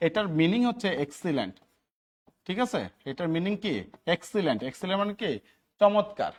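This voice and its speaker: A man's voice: high voice, big pitch swings, brisk. A man from Bangladesh teaching a grammar lesson for job-exam students, who keeps asking the class short check questions and answering them himself. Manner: grows louder and more emphatic while stressing points.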